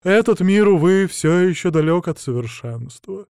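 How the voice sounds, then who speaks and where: A man's voice: high-pitched, expressive, normal speed, gravelly, darkish tone, clear, resonant tone, no room sound, studio quality, pitched above the performer's own voice. A man voicing an earnest, patriotic young man who explains things with a sigh, in an audiobook. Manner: explaining, sighing.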